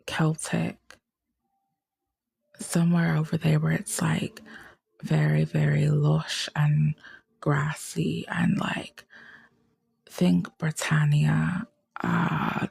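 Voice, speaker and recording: A woman musing in a casual, rambling chat, often drifting into soft whispers. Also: low-pitched, gravelly, slightly rough, no room sound, studio quality. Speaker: tarot reader.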